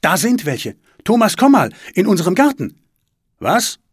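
A man voicing an angry, impatient teenage girl who snaps and shouts in a storybook reading. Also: high voice, very animated, normal speed, breathy edge, no room sound, studio quality, pitched above the performer's own voice, full character voice. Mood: alarmed shouting. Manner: sharp, loud, snapping.

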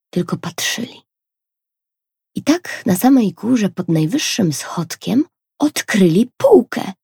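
Storyteller woman, expressive children's reading, husky voice, dry close sound. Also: fairly low pitch, no echo. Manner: expressive, gentle.

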